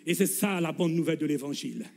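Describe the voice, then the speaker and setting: A man with a French accent preaching a lively sermon as pastor, acting out Gospel scenes in voices and calling the congregation to answer. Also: fairly high pitch, fast talker, vocal fry. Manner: calls for responses from the congregation. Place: church hall. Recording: long hall reverb with faint music.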